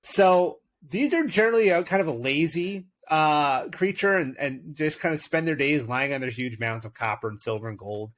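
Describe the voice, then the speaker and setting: On a tabletop game podcast, a male co-host and game master with a slightly high, fairly bright voice talks at normal speed with few pauses. He's enthusiastic and filler-heavy in casual chat, and also narrates a dramatic scene.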